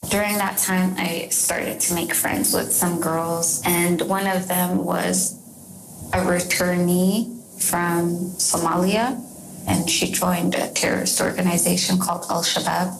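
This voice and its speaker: A young woman from Canada, interviewed and recounting her past in a halting, measured way with fillers. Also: lowish voice, flat delivery, vocal fry, a little hiss or hum, rough recording. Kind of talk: recorded interview recollection.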